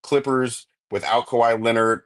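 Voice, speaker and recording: A man's voice: mid-range voice, steady tone, normal speed, a bit bright. A man hosting a casual sports talk show, laid-back and putting questions to his co-host.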